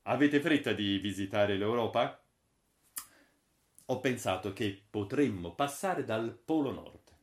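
A man's voice: on the low side, expressive, slow. A man voicing a confident guide who explains a future world to visitors, assured and explanatory. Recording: roomy echo.

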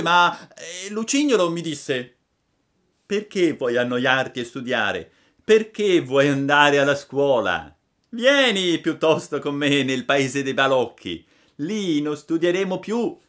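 A man voicing a panicky, wailing wooden puppet boy in a high, shrill voice. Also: fairly bright tone.

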